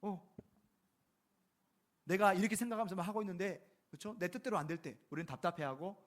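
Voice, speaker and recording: In a relaxed, chatty style, a man whose voice sits fairly high delivers a sermon, repeatedly pausing to check with the congregation by asking "right?" He slows when reading scripture, giving each phrase careful, deliberate weight.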